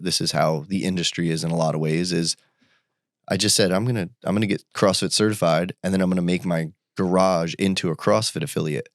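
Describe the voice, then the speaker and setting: A man in his thirties from the United States, chatting casually as a podcast guest and telling animated stories. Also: no room sound, studio quality. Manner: animated, quick jumps in pitch when quoting people. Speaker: podcast guest, entrepreneur and father. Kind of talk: casual conversational storytelling.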